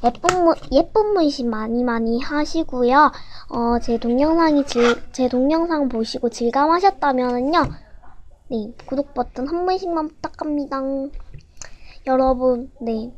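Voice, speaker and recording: A teenage girl chatting cutely through a home tutorial vlog, often dropping to a soft near-whisper. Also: high-pitched, moderate pace. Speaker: vlogger.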